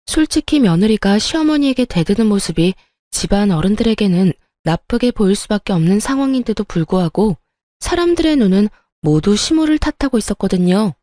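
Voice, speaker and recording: Woman narrator for a true-story reading: calm, confiding, with a warm tone and a dry sound. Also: mid-range voice, brisk, dry recording. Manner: calm, confiding first-person telling.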